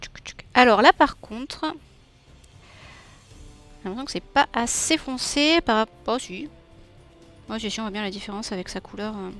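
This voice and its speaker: A woman's voice: on the high side, normal speed, pauses often, faint music behind. A young woman with a southern French accent from Nîmes, chatting casually with her viewers while drawing on a live stream, laughing often. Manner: chatty, warm, laughs often, reads chat aloud. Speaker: streamer and illustrator.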